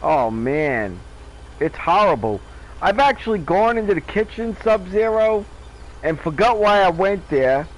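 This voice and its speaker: A man's voice: high voice, big pitch swings, a little slow, low-quality recording. A man in his fifties casually chatting with viewers while playing a game, rambling, joking and laughing at himself. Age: 50s. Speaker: gaming streamer.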